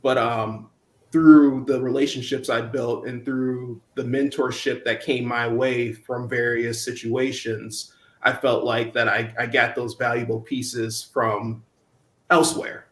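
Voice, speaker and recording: A young man from Minnesota, a guest in an interview, speaks reflectively in a level, medium-pitched voice. His speech is halting, full of restarts and ums, and the recording has a roomy echo.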